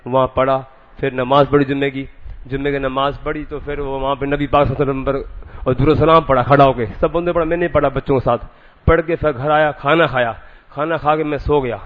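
A man from Sindh, telling his dreams in a halting, repetitive way with many restarts. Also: mid-range voice, fairly even intonation. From Sindh, Pakistan. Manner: repetitive, stumbling, restarts phrases. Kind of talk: halting personal testimony. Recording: tinny lo-fi radio-like sound.

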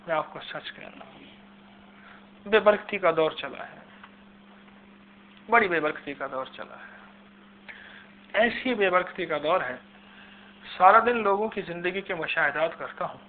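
A man with a high voice delivers a fervent sermon, dropping low before swelling into loud emphatic lines. The sound is thin and phone-like. A faint hum runs underneath. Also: expressive, a little slow, long pauses. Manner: impassioned, swings between hushed and loud. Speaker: preacher. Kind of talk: Urdu-flavored religious sermon. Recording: tinny phone-like recording with hum.

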